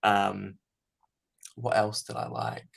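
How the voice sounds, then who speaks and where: A man's voice: fairly low pitch, level tone, slow, vocal fry, a bit bright, breathy edge. A man, a fan filmmaker being interviewed, talking casually and thoughtfully with many ums.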